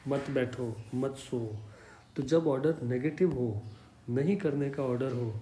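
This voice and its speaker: A man teaches a basic English lesson, walking through each example slowly and repeating it patiently. His voice is soft and mellow. The recording carries a roomy echo and a faint background hum. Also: mid-range voice. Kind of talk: slow explanatory language lesson. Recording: echoey room with faint hum.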